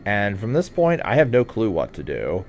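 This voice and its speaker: A man's voice: fairly low pitch, huge pitch swings, moderate pace, a little hiss or hum. A man narrating a video game walkthrough as a guide, talking in a casual, conversational way.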